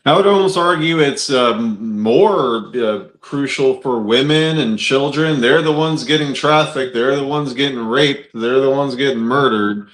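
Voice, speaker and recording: A man's voice: medium pitch, a little slow, hardly any pauses, a bit bright. A man in his forties co-hosting a casual talk show, blunt and teasing. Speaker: co-host. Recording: roomy echo.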